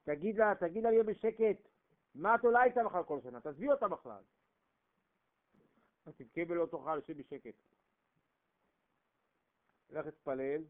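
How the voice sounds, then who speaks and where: A man preaching a sermon, emphatic and repetitive, swinging between loud stresses and hushed asides. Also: fairly high pitch, animated, long pauses. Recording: tinny phone-like recording.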